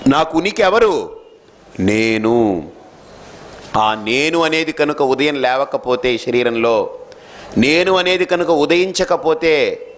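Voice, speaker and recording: A man giving a spiritual discourse, who asks his listeners questions and answers them himself, stressing key lines. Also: medium pitch. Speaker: spiritual teacher. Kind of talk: sermon.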